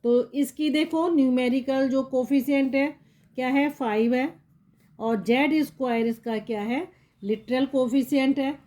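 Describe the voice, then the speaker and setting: Woman teaching maths, mellow and warm. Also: sits high, steady tone, unhurried. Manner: explains step by step, keeps asking the student rhetorical questions; repeats "theek hai" to check understanding. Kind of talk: classroom maths lesson.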